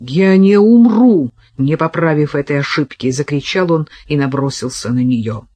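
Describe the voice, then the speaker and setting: Husky, dry audiobook narrator. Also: medium pitch, darkish tone, dry recording. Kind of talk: dramatic scripted narration.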